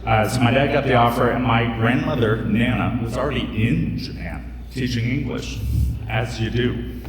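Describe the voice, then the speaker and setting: A man's voice: mid-range voice, moderate pace. A young man telling a joking, chatty story on stage at a live storytelling event, full of fillers and asides. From United States. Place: stage in a hall with a live audience. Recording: echoey hall picked up from a distance, crowd audible.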